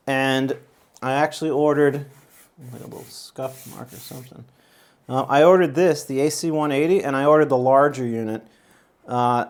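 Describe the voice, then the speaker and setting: A man with a mid-range voice chats his way through a product unboxing, loose and rambling. He fills his talk with "uh" and "um" and keeps circling back and restarting his sentences. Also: mid-range voice. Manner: rambling, chatty, many fillers and restarts. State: out of breath. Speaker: YouTube channel host. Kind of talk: casual unboxing and product review.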